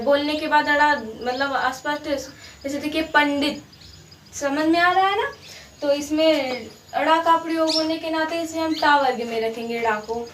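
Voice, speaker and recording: High-voiced woman teaching in a roomy space. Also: a bit bright. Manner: explains patiently, repeating examples and checking understanding. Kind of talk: Hindi grammar lesson. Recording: roomy, distant mic with faint background noise.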